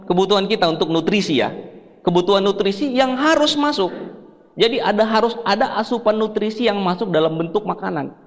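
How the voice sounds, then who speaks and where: A man from Sulawesi, Indonesia, presents a health seminar to an audience, explaining things conversationally and putting questions to his listeners. His voice is high-pitched and fairly bright, carried by the long reverb of an echoey hall.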